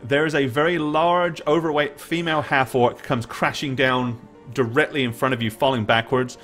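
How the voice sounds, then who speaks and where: A man's voice: mid-range voice, fairly even intonation, moderate pace, a bit bright, faint music behind. A middle-aged man narrating a tabletop game off the cuff as dungeon master. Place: indoor room at home, on a group video call.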